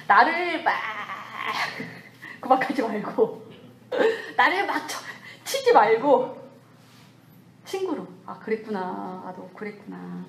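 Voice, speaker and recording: A woman speaks to a church audience in a lively, teaching manner, her voice sitting fairly high. She acts out short scolding and comforting voices as she goes. The sound rings in an echoey church hall. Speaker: church lecturer.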